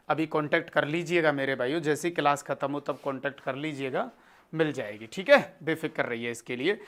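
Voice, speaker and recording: A man's voice: a little high, fairly bright tone. Call-and-response male teacher. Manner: call-and-response, answers own questions; calls viewers brothers and son, reads comments. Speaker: online exam-prep teacher. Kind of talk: live online class teaching.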